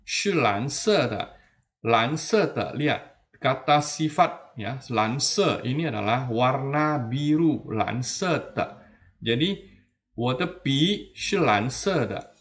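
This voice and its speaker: A man teaching beginners Mandarin, drawing out each model word slowly and checking in with "ya" and "nah". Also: medium pitch, fairly bright tone. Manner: slow, drawn-out model pronunciation with frequent "ya" and "nah". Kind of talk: beginner language lesson.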